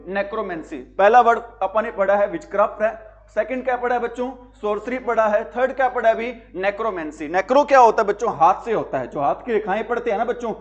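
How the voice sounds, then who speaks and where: Male teacher, high voice; drills students with repeated call-and-answer questions, muffled recording. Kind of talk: exam-prep vocabulary lesson.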